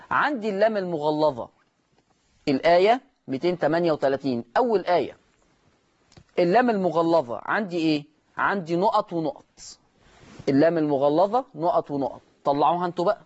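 A man's voice: a little high, lo-fi sound. A man with an Egyptian Arabic accent teaching Quran recitation rules in a broadcast lesson, repeating key words and quizzing his students. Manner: repetitive, quizzing students with questions. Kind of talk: televised tajweed lesson.

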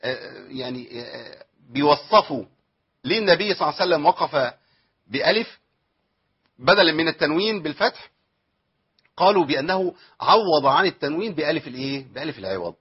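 Fast-talking Egyptian man teaching tajweed. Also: on the high side, animated, husky, highs cut off. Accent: Egyptian Arabic. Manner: asks questions and answers them himself, drawn-out recitation. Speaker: Quran recitation teacher. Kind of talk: tajweed lesson with recited examples.

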